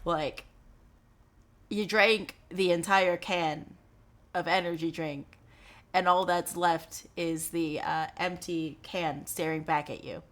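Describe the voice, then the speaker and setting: A woman's voice: fairly low pitch, fairly even intonation, slow, a bit bright. Rambling young woman chatting on a live stream. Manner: rambling, filler-heavy, with offhand swearing. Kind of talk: casual live-stream chat while gaming. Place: her dorm room.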